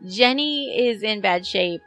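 Bright-voiced woman co-hosting a podcast. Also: medium pitch, lively intonation, takes it slowly, soft background music. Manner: chatty, explains plot points plainly. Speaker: podcast co-host. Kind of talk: casual chat about a book chapter.

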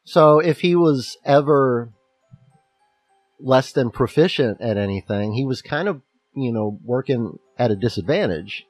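A man's voice: medium pitch, lively intonation, measured pace, darkish tone, no echo, soft background music. A man with a slight lisp, co-hosting a casual podcast chat about a book chapter and rambling with restarts. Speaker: podcast co-host.

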